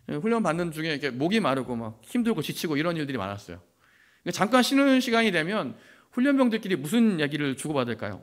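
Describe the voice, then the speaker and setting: Male pastor, young adult, animated sermon delivery with a lively, fairly high voice. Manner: animated preaching, rising to stress points, asks the congregation questions. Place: church.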